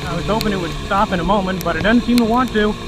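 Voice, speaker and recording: A young motorcycle vlogger in a helmet rides through the rain, talking fast in a high-pitched voice. He keeps up a chatty, joking running commentary, muffled by the helmet, over loud engine and road noise.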